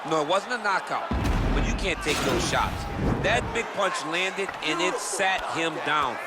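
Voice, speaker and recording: A man's voice: fairly high pitch, lively intonation, a little slow. A man giving color commentary on a fight, emphatic and colloquial, explaining technique like a coach. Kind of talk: analytical, excitable sports commentary. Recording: very noisy arena ambience.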